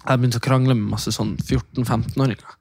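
Young guy rambling a story, gravelly, swears lots, dead dry sound. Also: medium pitch, dry recording. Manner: animated, acts out quoted voices loudly; swears a lot, fast rambling. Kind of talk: casual storytelling chat.

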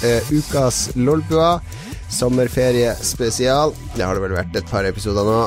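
A man hosting a casual podcast, joking and inquisitive in the way he talks. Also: medium pitch. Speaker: podcast host. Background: music.

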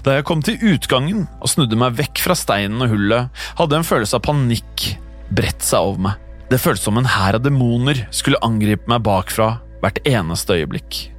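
A man reading a first-person horror story aloud in a tense, hushed storytelling manner for a podcast. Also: medium pitch, expressive, faint music behind.

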